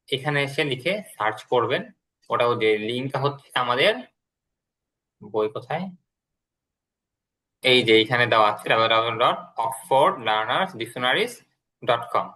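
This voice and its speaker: A man's voice: medium pitch, lively intonation, a little fast, pauses often, pushed and bright. A man teaching English vocabulary and pronunciation in an online class, explaining step by step and repeating his pointing phrases.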